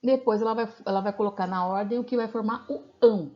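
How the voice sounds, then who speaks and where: A woman's voice: mid-range voice, steady tone, fast. Brazilian woman teacher, patient explaining. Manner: patient explaining, frequent tag questions. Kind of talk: recorded video lecture. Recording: slightly dull lo-fi recording.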